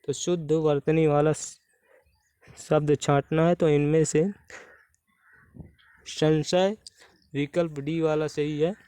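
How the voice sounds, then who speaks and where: Speaking slowly and pausing often, a man explains Hindi spelling questions for exam preparation, working through each methodically and restating answers. He is a Hindi exam-prep teacher with a smooth, clear, fairly high voice and flat, even delivery, recorded close and dry with no room sound.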